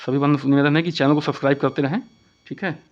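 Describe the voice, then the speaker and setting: A man teaching an exam-prep lesson, with a voice on the higher side. He poses each question aloud, answers it himself and repeats the key points over and over. The recording sounds muffled and lo-fi. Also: fairly even intonation, very fast. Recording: dull lo-fi recording.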